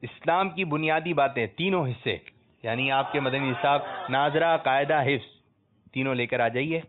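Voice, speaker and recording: A man hosting a religious quiz for children, coaxing answers out of them and loudly praising the correct ones. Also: medium pitch. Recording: tinny lo-fi phone-like sound.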